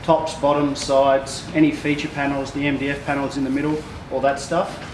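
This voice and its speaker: A man's voice: medium pitch, level tone, normal speed. An Australian man, a painting tradesman, casually explaining his work on site. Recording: distant, echoey room with clear background noise.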